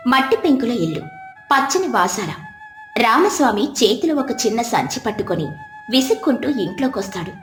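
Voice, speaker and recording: A woman narrates a moral story in an even, descriptive manner. Her voice sits a little high. The recording is roomy, and soft music plays underneath. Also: moderate pace.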